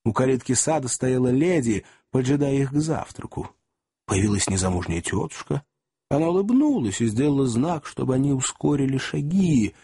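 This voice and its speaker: Gravelly, husky male audiobook narrator. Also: medium pitch, moderate pace. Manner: expressive reading, voicing every character. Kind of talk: scripted narration.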